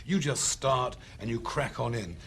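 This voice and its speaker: A man's voice: mid-range voice, lively intonation, measured pace, fairly bright tone. A man hosting a cookery show, his voice swinging up and down as he chats with enthusiasm. He talks in a theatrical, chatty way over a faint hum of room noise. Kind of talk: lively on-set chat.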